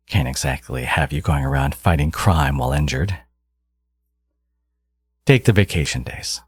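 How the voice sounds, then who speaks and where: Gravelly and husky, a bass voice drawls theatrically and teasingly as a man plays a smug, possessive supervillain genius taunting his hero in an intimate audio roleplay. The mood is smug yet caring, in full character voice. No room sound is audible.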